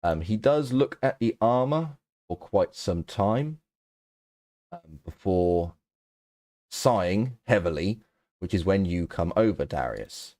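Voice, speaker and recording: A man narrating a tabletop game as game master, unhurried and full of um fillers. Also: deep voice, lively intonation, darkish tone, dry recording, clean studio sound.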